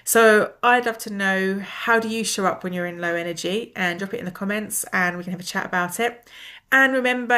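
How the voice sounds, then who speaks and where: A middle-aged woman with a blocked, nasal voice, sounding unwell and tired as she talks casually and reflectively to viewers with soft, low energy. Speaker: personal development coach and video host.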